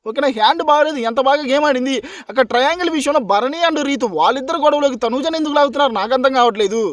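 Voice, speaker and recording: Rapid-fire high-voiced male reviewer ranting. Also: a bit bright, no echo. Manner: combative, keeps asking listeners "okay?"; argumentative, repeats points for emphasis. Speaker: reality show reviewer. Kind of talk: heated opinion rant to camera.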